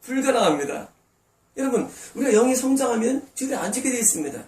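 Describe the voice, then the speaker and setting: Male pastor, high voice, sermon with rhetorical questions, distant mic in an echoey sanctuary. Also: expressive, fast talker, a little mellow. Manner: preaching with rhetorical questions to the congregation. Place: church sanctuary.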